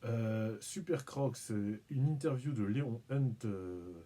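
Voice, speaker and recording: A man hosting his own channel, talking through an unboxing in a relaxed, rambling, self-mocking way, humming and muttering as he handles things. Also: medium pitch, takes it slowly. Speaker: video channel host. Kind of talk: casual unboxing commentary.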